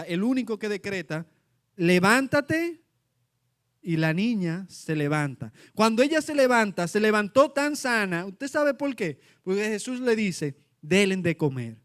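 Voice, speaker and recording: A middle-aged man delivers a sermon. His voice sits high for a man, and he preaches with animation, acting out the words of the people in the story. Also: clean tone. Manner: animated preaching, acts out quoted lines.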